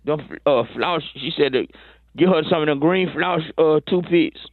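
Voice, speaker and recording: Man doing a stammering, slangy excuse-maker calling over the phone. Slightly high voice, tinny dry line. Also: normal speed, no room sound. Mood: rambling. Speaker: caller.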